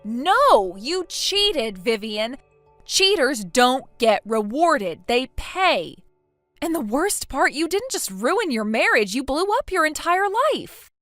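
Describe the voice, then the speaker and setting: A woman's voice: high voice, sing-song, slow, fairly bright tone, no echo, soft background music, full character voice. A synthetic woman voicing a blunt, scolding friend. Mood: indignant. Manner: stern, lecturing.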